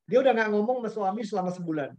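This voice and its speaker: A man's voice: sits high, expressive, racing, darkish tone. A man, a pastor giving a conversational webinar talk, telling anecdotes in a chatty way with slang and English words mixed in. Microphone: webinar video call. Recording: dull lo-fi webinar audio.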